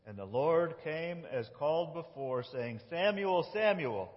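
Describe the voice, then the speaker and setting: Animated man telling a story in church. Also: on the high side, measured pace. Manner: animated, reads dialogue in lively voices. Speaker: lead pastor. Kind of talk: sermon storytelling with children acting. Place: church sanctuary. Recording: muffled, echoey church hall.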